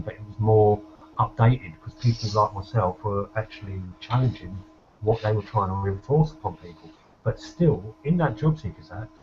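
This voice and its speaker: A man telling a story bluntly in everyday slang during a casual group discussion. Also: lowish voice. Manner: blunt, colloquial, swears. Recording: dull lo-fi recording.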